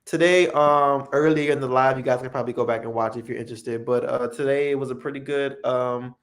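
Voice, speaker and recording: A man's voice: mid-range voice, steady tone. A man whose first language is English, hosting a casual live practice stream and answering viewers in English and Spanish. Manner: unhurried, friendly, answers viewer comments.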